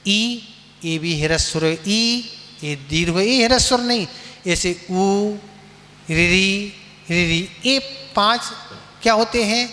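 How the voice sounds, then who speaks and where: A high-pitched man teaches scripture recitation at an unhurried pace. He poses questions and answers them himself, then chants verses slowly with repeats. His voice rings in a long hall reverb. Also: pushed and bright. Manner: patient, asks and answers his own questions; slow drawn-out chanting with repeats.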